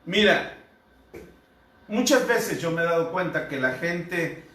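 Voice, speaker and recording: Male pastor giving a sermon: slow and earnest, bright tone, echoey room. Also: on the high side, expressive. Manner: measured, earnest preaching with rhetorical questions. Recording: echoey room, heard from a distance.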